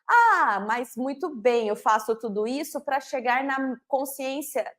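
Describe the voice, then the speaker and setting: High-voiced teacher lady, slows way down to spell out sounds then rushes, keeps saying né? certo?. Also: animated, a bit bright. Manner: didactic, slows down to sound out syllables and phonemes; fast bursts with frequent "né?" and "certo?" checks. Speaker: literacy teacher trainer. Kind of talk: recorded online lesson.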